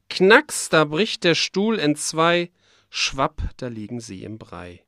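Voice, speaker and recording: A man's voice: medium pitch, no room sound, clean studio sound. Man reciting verse with big swings. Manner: theatrical, punches out sound words with sudden loud bursts. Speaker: narrator. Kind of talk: dramatic recitation of a rhyming verse tale.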